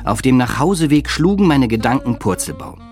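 A man reading a first-person children's detective story aloud, in a lively, expressive way. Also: medium pitch, brisk, over music. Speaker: audiobook reader.

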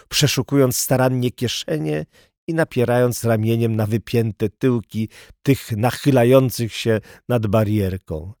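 A man narrating a story in a measured, storytelling way. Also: medium pitch, gravelly, a little mellow, no echo, clean studio sound. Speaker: audiobook narrator. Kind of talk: scripted narration.

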